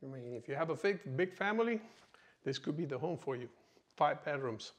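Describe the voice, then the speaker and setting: A man's voice: on the high side, lively intonation, normal speed. A man working as a real estate agent, giving a casual walk-through home tour with informal sales patter, often tagging his phrases with "okay". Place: indoors, walking through an empty new house. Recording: echoey empty-house reverb.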